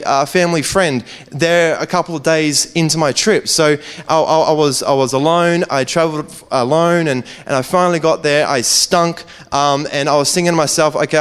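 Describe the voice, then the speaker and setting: A man's voice: on the high side, a bit bright, smooth. A man, a preacher telling a personal testimony in an earnest, conversational way, often restarting his phrases.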